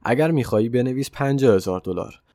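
A man reading the part of a calm, self-assured wealthy male millionaire who mentors a young man in an audiobook story. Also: mid-range voice, no room sound, studio quality, close to an everyday voice. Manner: calm and insistent.

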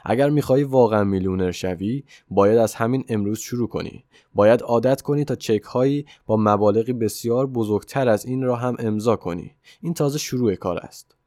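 A man reading the part of a calm, self-assured wealthy male millionaire who mentors a young man in an audiobook story. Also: mid-range voice, no echo, studio quality, natural voice. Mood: coaxing. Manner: calm and insistent.

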